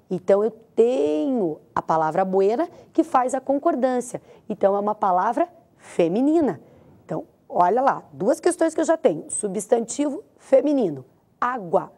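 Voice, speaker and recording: A woman's voice: fairly high pitch, darkish tone. A Brazilian woman with a Brazilian Portuguese accent, teaching a recorded lesson in a patient, explanatory way and asking the viewer questions directly. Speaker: Spanish teacher.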